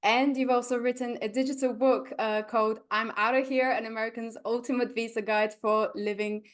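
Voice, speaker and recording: A woman's voice: fairly high pitch, fairly even intonation, a little fast. A woman from Bulgaria hosting a podcast interview, often hesitant, with many fillers and restarts. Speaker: podcast host.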